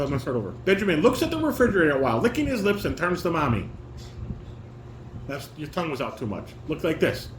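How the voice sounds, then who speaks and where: Directing a table read at home, a man with a high, swooping voice moves between giving instructions and reading stage directions aloud, repeating and correcting lines as he coaches casually. The room is echoey, with a light hum from a fan and air conditioner.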